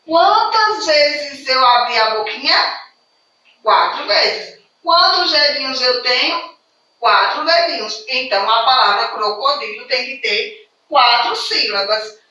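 A woman with a Brazilian Portuguese accent gives a children's lesson in a bright, high voice. She speaks slowly and sweetly, full of diminutives. The recording is dull and echoey, with her a bit away from the mic. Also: expressive. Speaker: primary school teacher. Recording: echoey, distant and dull home video.

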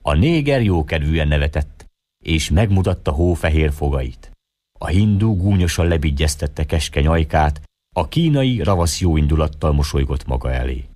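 A man calmly reading a short story aloud as an audiobook narrator. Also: rumbling low. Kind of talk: scripted narration.

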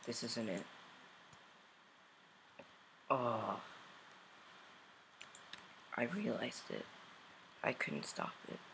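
A man quietly muttering commentary while playing a game, concentrating and reacting to each round. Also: medium pitch, animated, very slow, long pauses, background noise. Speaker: gamer.

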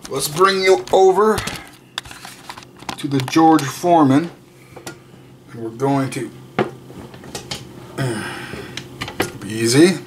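Against background noise, a man in his 30s with a voice on the high side hosts an easygoing cooking vlog at home, moving between kitchen and dining room. Slow and jokey, he cooks, tastes and chews between his comments.

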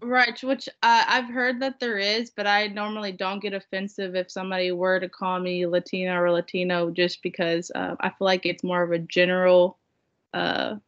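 The sound is dull, lo-fi video call audio from an indoor room, where a young woman, a native Spanish speaker, talks as a seminar guest. Her voice sits on the low side and is fairly bright, with a level tone at a moderate pace, and her casual conversation comes across as somewhat hesitant.

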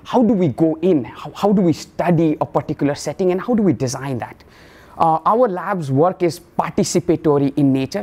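Male professor in his thirties, lecturing in a measured, explanatory way, classroom sound. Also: fairly high pitch, warm tone. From Nepal. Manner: measured, explanatory, frequent "uh" fillers. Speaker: professor giving a colloquium talk. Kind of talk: academic lecture.

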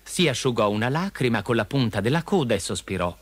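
A man narrating a children's fairy tale, with lively, expressive storytelling. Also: medium pitch, fast talker, no echo. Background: background music.

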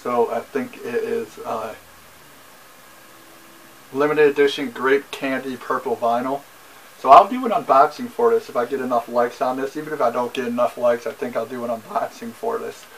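A young man chatting through a casual haul video in a mid-pitched voice, rambling and circling back with frequent ums. He sits in a small bedroom, recorded on the camera's own mic, with a faint hiss in the background. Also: normal speed, poor audio. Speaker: vlogger. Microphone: camera mic, seated facing camera.

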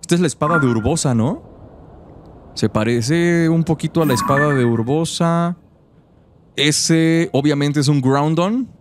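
A man's voice: on the high side, measured pace, background noise. A man in his thirties with a Mexican accent giving joking, slangy live game commentary. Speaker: game streamer. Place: indoor streaming room.

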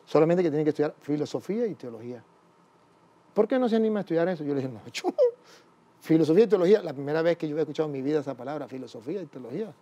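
A priest tells his life story in an interview, acting out every voice of the dialogue himself. His voice is fairly high for a man yet dark and mellow in tone. The recording sounds dull and muffled. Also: expressive, very fast.

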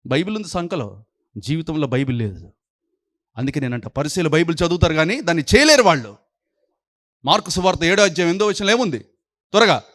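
A male pastor with a fairly high voice delivers a sermon, scolding and peppering the congregation with pointed questions. He sounds close to the mic in a dry, dead room. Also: expressive, fast, long pauses, a bit bright, no room sound.

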